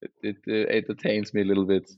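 A man with an Austrian accent, a native German speaker, chatting casually and haltingly as he searches for words. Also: fairly low pitch, monotone, darkish tone, muffled recording. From Austria, small village. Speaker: interview guest, mountain bike rider. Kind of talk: casual chat.

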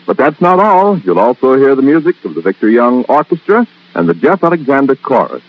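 Husky 1940s radio announcer on old disc. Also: male voice, brisk, lo-fi sound. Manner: lively, upbeat sales-pitch delivery. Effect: old broadcast transcription disc.

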